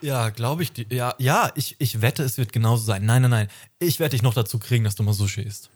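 A man's voice: medium pitch, a little fast. A man in his twenties co-hosting a podcast, chatting casually, rambling and correcting himself, often breaking into laughter. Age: 20s. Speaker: podcast co-host. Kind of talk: casual chat.

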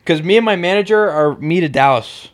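A man's voice: on the high side, a little fast. A man in his twenties hosting a podcast. He tells a story casually and animatedly, with lots of swearing and "bro". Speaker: podcast host.

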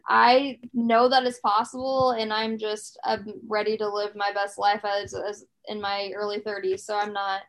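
A woman's voice: medium pitch, level tone, moderate pace, hardly any pauses, a bit bright, low-quality recording. A woman in her thirties co-hosting a podcast, chatting casually and rambling with plenty of fillers and restarts. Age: 30s. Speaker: podcast co-host. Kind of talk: casual chat.

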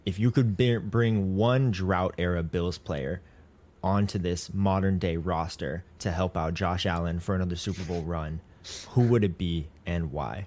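A man hosting a casual sports podcast, opening with relaxed, friendly patter. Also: measured pace. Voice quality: deep voice. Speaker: podcast host.

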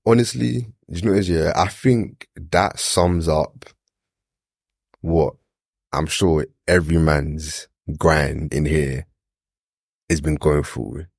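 A young man with a deep, husky voice and a London roadman accent. He chats casually about self-improvement in an earnest, deliberate, slangy way. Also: a little mellow, no room sound, clean studio sound. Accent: London, urban street slang. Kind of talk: casual motivational chat.

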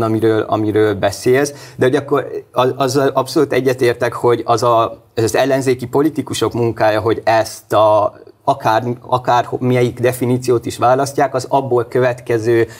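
A man's voice: medium pitch, little pitch movement. A male host in a studio political discussion, talking hesitantly with many fillers and restarts.

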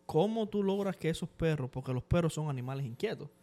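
A man's voice: a little high, lively intonation, fast talker, dark tone. A man co-hosting a podcast in casual chat who asks the guest curious questions.

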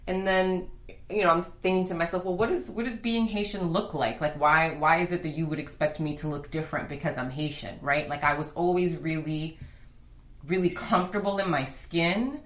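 A woman hosts a casual podcast interview in an echoey room, chatty and enthusiastic and often checking in with "right?". Her voice sits on the low side, steady in tone and moderate in pace.

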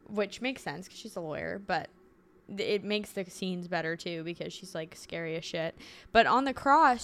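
A woman talking through a casual recap with a smooth, clear voice. She rambles, stops to correct herself, and tosses in quick asides. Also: medium pitch, a bit bright. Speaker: podcast co-host.

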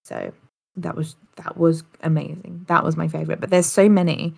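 A woman co-hosting a casual chat show, retelling a story with lively energy and frequent laughter. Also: low-pitched, normal speed, creaky, breathy edge. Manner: animated storytelling, laughing often. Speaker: podcast co-host.

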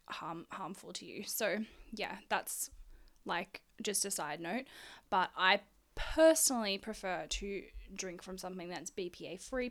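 Chatty woman podcaster. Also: mid-range voice. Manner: chatty, rambling with many "like"s and casual swearing. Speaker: podcast host. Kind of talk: casual solo podcast monologue.

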